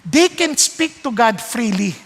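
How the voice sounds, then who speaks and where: A man preaching a sermon, storytelling with lively switches between Tagalog and English and acting out voices. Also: extremely high pitch, takes it slowly. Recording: long hall reverb.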